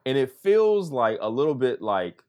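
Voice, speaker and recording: Lively man recapping a tv show. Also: medium pitch, moderate pace. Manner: animated, acts out quotes of others. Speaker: podcast co-host. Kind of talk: casual chat.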